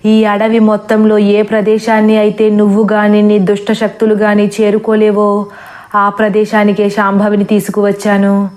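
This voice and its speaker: A woman's voice: medium pitch, monotone, moderate pace, darkish tone, lightly acted. A woman voicing a devout male ascetic who chants and prays earnestly in a storybook horror tale. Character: devout male ascetic, steadfast, praying to Shiva.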